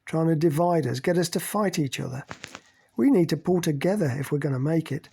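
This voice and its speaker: A man's voice: a little high, brisk, creaky, dark tone, breathy edge. A man voicing Jessie, a blunt woman who jeers and mocks, in an audiobook. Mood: jeering. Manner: mocking, jeering. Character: jeering, blunt working woman.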